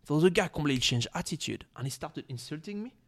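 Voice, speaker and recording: A man's voice: on the high side, expressive, fast talker. A young adult man casually telling a long story, rambling with many fillers and acting out what people said. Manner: rambling, many fillers, acts out quotes in shouted voices. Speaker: storyteller on a chat show.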